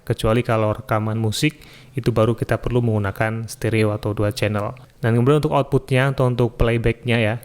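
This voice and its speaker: A man hosting a screen-recorded software tutorial, explaining each step calmly and adding "ya" and "eh" often, recorded on a studio microphone. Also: mid-range voice. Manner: relaxed step-by-step explaining with frequent "ya" and "eh". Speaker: YouTube tutorial host. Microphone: studio mic through an audio interface.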